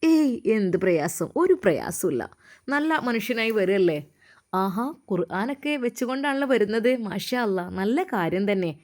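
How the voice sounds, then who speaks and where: A woman's voice: medium pitch, big pitch swings, normal speed, darkish tone, lightly acted. A woman voicing a contented, kindly wife who speaks in a mild, curious way.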